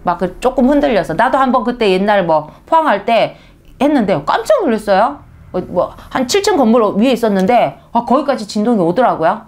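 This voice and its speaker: A woman preaching a sermon in a conversational way, often asking her listeners rhetorical questions. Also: fairly quick. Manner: animated, pitch leaps for emphasis.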